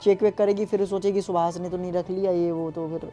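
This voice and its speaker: A man's voice: high voice, little pitch movement, a little fast, dark tone, faint music behind. A young man vlogging in casual chat, pleading and consoling, often repeating himself. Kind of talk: casual prank vlog chat.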